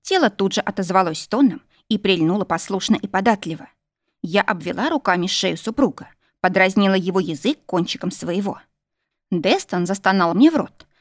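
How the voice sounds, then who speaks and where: A woman reading a first-person romance audiobook aloud, with an expressive, intimate storytelling manner, close to the microphone. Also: mid-range voice, dry recording. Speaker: audiobook narrator.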